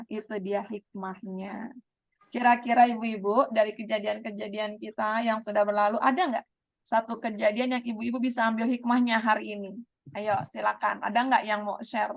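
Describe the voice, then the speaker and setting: A woman teaching a religious study group over a video call, explaining calmly and inviting the listeners to share. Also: fairly high pitch, gravelly, no room sound. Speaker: Islamic teacher. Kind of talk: online religious study lesson. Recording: dull lo-fi video call audio.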